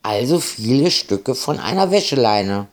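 A man's voice: mid-range voice, big pitch swings, measured pace. A man voicing a playful, scheming young farm woman who coaxes and sulks. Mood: defensive. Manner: wheedling, easily hurt.

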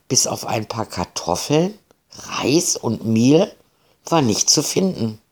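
A man's voice: medium pitch, big pitch swings, slow pace, a little mellow. A man narrating a pirate story for children, speaking to young listeners directly.

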